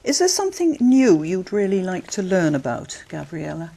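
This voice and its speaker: A woman examiner asking set questions in a speaking test, measured and clear. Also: lowish voice, sing-song, mellow. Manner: measured and clear, encouraging murmurs. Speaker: exam interviewer.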